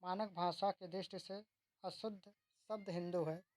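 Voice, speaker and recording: A woman's voice: lowish voice, fairly even intonation, moderate pace, darkish tone, no echo, poor audio. A woman tutor reads exam questions and their options aloud, then gives the answer and explains why. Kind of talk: reading quiz questions and answers.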